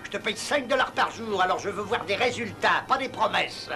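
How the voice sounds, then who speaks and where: High-pitched grumbling junk dealer. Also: male voice, animated, a little fast, gravelly, sharp tone, faint music behind, heavily acted. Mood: bossy, grumbling. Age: middle-aged or older. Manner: bossy, slangy grumbling. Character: gruff, stingy, grumbling older male junk dealer. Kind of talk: dubbed film acting.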